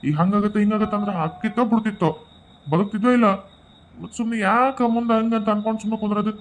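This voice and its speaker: Man voicing soothing cartoon elder, North Karnataka accent, high and quick. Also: a little hiss or hum, close to an everyday voice, low-quality recording. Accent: North Karnataka Kannada. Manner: reassuring.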